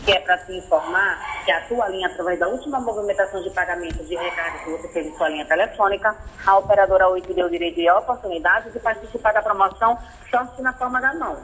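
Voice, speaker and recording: A man's high, bright voice comes down a landline phone, rushing through a scripted prize announcement. He pushes on insistently and keeps checking that all is well. The muffled line carries a faint hiss. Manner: rapid, insistent, keeps asking "all right?". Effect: heard over a landline phone. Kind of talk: scripted phone sales pitch.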